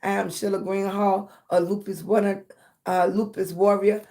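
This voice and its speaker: Her mid-range voice is warm, with flat delivery and a moderate pace. She's an American content creator hosting a motivational livestream, emphatic and affectionate, frequently checking in with viewers and calling them sweetie and baby.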